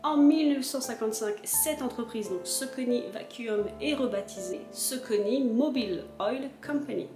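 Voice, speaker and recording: A woman's voice: a little high, moderate pace, few pauses, over music. Chatty woman vlogger in an echoey room. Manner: chatty, explaining with frequent fillers. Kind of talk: casual video explainer.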